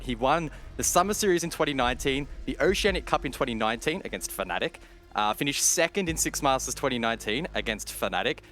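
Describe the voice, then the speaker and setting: An esports caster with a mid-range, slightly bright voice delivers play-by-play commentary on a match. He rattles off stats and player history in rich detail.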